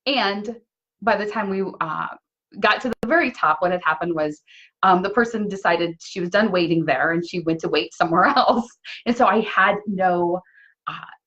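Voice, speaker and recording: Chatty woman coach, slightly muffled. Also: mid-range voice. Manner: chatty storytelling with light laughs. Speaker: time management coach. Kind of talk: casual live video talk. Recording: slightly dull lo-fi sound.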